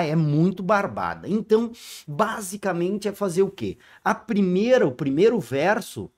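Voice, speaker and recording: Male teacher, informal exam-review lesson, slow deliberate delivery, voices student questions himself. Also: high voice. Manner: spells out rhyme letters slowly, one by one.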